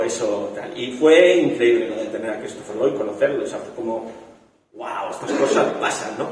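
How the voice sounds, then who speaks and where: Young adult Spanish director, animated storyteller, heard from across a reverberant hall. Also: male voice, mid-range voice, slight background noise. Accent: Spain. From Spain. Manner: animated storytelling, acting out quoted voices. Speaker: film director. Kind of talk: festival talk. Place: large echoey hall. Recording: echoey hall from far off.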